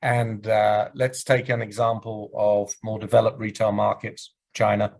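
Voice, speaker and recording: A man giving a business presentation and answering questions over a video call, speaking in a measured, explanatory way while losing his voice. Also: lowish voice, level tone, vocal fry, darkish tone, low-quality recording. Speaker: presenter at a market research webinar.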